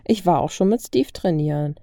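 Cheeky young woman, read by a woman narrator, playful bragging, mellow low voice, dry close recording. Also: lively intonation, normal speed, no echo. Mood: boastful, playful. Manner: playful, boastful banter. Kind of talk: audiobook reading of fan fiction.

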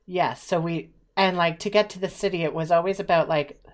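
Her voice is fairly low and fairly quick. She's a young woman from Eastern Ontario, Canada, telling animated stories in a casual chat with plenty of fillers.

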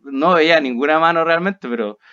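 A man's voice: on the high side, moderate pace, clean tone. A young man with a Chilean accent, a podcast co-host animatedly telling a personal story and acting out the quotes. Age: young adult. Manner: animated, laughs often, acts out quotes. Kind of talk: casual storytelling. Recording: slightly dull lo-fi audio.

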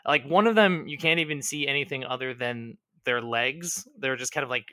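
A man's voice: medium pitch, moderate pace, bright, forceful tone, no room sound, studio quality. A man narrating as game master of a tabletop game, rambling along with fillers and self-corrections.

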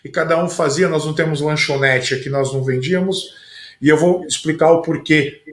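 A man's voice: on the high side, steady tone, fairly quick. A man who is a pastor and podcast host, telling folksy anecdotes in a casual conversation. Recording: roomy echoey sound.

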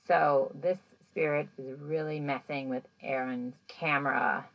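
A woman's voice: sits low, unhurried, muffled recording. A woman hosting a podcast, recapping a paranormal show in a casual, rambling way, with lots of "like" and "you know.". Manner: chatty, rambling, heavy use of "like" and "you know"; animated when acting out moments.

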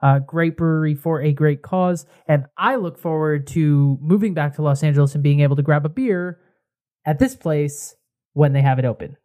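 A man's voice: a little high, moderate pace, warm tone. A tipsy man co-hosting a podcast in casual, rambling chat, with lots of fillers and jokes. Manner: rambling, jokey, many fillers. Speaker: podcast co-host.

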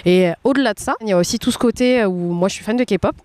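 A woman of about thirty from France, chatting as a guest in a relaxed interview, with lots of fillers and restarts. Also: mid-range voice, fast talker, no echo. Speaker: guest entrepreneur. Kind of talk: casual interview chat.

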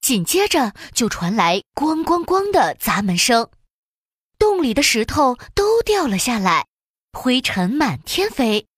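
A woman narrating a children's storybook in an expressive, sing-song storytelling way. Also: high-pitched, unhurried, breathy edge, no echo, clean studio sound.

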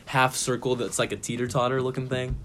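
A man's voice: medium pitch, little pitch movement, a little fast, a bit bright. A young man co-hosting a podcast in casual, jokey chat, laughing often. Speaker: podcast co-host.

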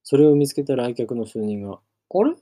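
A man reading a novel aloud as narrator, in measured storytelling. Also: medium pitch, dark tone. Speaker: reader.

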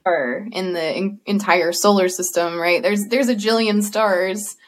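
A woman's voice: mid-range voice, measured pace. A woman, a guest energy healer on a video call, speaking earnestly about spirituality in casual chat and laughing often.

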